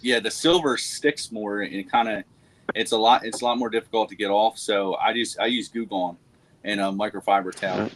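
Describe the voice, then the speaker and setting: A man co-hosting a casual reselling live show, calmly explaining practical methods with some hesitation. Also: on the low side, brisk, a little hiss or hum, rough recording. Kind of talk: casual group chat.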